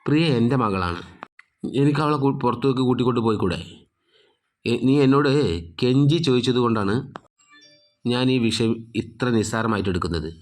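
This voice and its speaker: A man's voice: medium pitch, animated, normal speed, long pauses, darkish tone, natural voice. A man reading the lines of an estranged father who pleads and persists. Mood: coaxing. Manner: coaxing, persistent.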